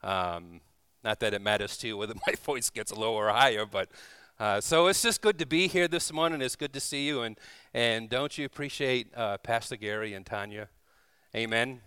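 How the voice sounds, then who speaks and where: Speaking live in church, this visiting preacher gives a casual, homey sermon that includes scripture reading and prayer, often tossing in small tag questions to the congregation. He has a mid-range voice at normal speed, pushed and bright, and the sound is clean with no echo.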